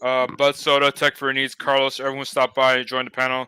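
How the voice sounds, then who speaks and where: Bright, crisp-voiced casual stream host. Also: male voice, medium pitch, monotone, fairly quick, no room sound. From Los Angeles area. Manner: laid-back, rambling with fillers. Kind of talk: casual live-stream chat.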